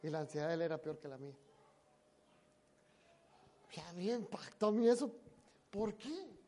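A preacher tells a story in a sermon, dramatic, swinging between loud emphasis and hushed asides. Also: mid-range voice, lively intonation, normal speed.

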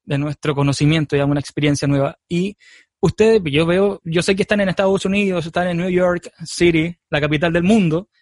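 A man's voice: on the high side, brisk, dry recording, studio quality. A man hosting a podcast, asking questions in a chatty, joking way. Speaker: podcast host. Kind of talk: casual podcast interview.

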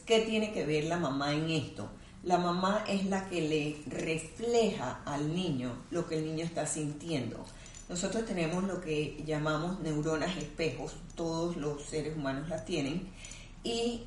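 A woman clinical psychologist speaks in a low, calm voice and explains ideas in a measured, teacherly way. Her voice is picked up from some distance, and the room adds a noticeable echo. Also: slight background noise. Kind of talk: explanatory conversation. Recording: roomy sound from a distant mic.

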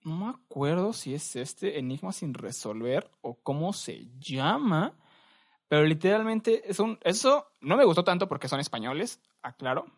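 A young man with a Mexican Spanish accent, co-hosting a podcast and telling stories in a relaxed, slangy, rambling way. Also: fairly high pitch, moderate pace. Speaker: podcast co-host. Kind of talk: casual chat.

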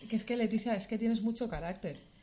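A woman co-hosting a casual chat, teasing the others and speaking with animated emphasis. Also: fairly high pitch, brisk, slight background noise. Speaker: co-host.

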